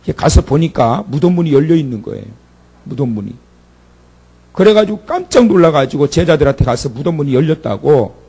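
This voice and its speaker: A man's voice: fairly high pitch, a little mellow. A man preaching a sermon, retelling the story dramatically and acting out the speakers in it. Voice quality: gravelly. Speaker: pastor.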